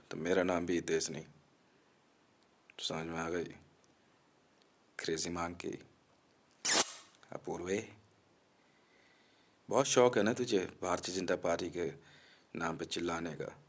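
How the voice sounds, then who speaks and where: A man delivering a threatening, abusive rant to the camera in an aggressive, mocking manner. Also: low voice.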